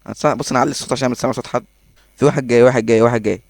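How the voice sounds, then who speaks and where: A man with an Egyptian accent giving excitable gameplay commentary, laughing often and talking to himself as he plays. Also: mid-range voice, racing, gravelly, soft background music. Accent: Egyptian Arabic. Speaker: gaming YouTuber.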